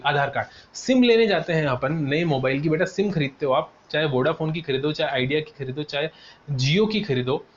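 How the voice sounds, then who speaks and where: A male tutor giving a classroom lecture. He calls students "beta", answers his own questions in a student's voice, and repeats key terms. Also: a little high. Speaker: CA exam tutor. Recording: dull lo-fi sound with faint noise.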